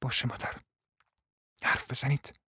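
A man's voice: high-pitched, dry recording, studio quality, lightly acted. A man playing a proud, bitter young woman who is ill and speaks sharply and impatiently, in a radio drama. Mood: scornful.

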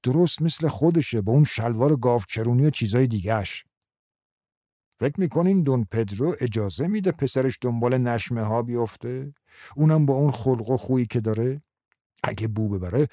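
A man's voice: medium pitch, warm tone, dry recording, studio quality, natural voice. A man voicing a male villager who gossips in a mocking tone. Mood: gossipy.

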